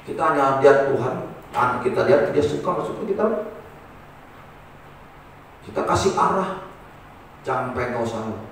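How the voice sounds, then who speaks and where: A male pastor preaching a sermon to his congregation, swinging between loud emphatic lines and quiet asides. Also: mid-range voice, expressive, moderate pace, long pauses, slight background noise. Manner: addresses the congregation as saudara. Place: church hall. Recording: very echoey church hall, mic at a distance.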